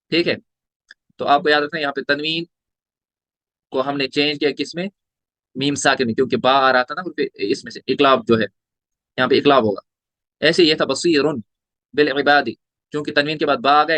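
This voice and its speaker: Letter by letter and vowel mark by vowel mark, a male Quran recitation teacher works through a tajweed lesson, asking and answering his own questions. He has a medium-pitched, somewhat bright voice, with no echo.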